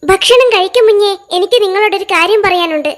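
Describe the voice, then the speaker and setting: A bunch of young cartoon schoolkids bicker and chatter in very high, squeaky voices. The talk bounces quickly from one child to the next, in the style of an animated comedy. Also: faint music behind. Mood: sympathetic. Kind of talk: cartoon voice acting.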